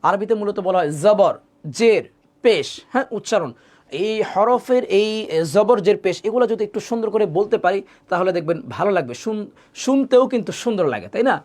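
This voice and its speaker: A man leads a live online Quran reading class. He sounds out each letter and vowel mark slowly, with a lively, swooping pitch, then blends them into words. Between drills he praises and thanks his students by name. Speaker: Quran recitation teacher.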